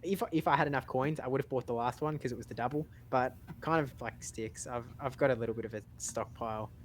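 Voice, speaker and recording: A man chatting casually on a podcast, rambling and haltingly repeating words as he thinks aloud. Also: mid-range voice, a little hiss or hum. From lives in Australia. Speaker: podcast panelist.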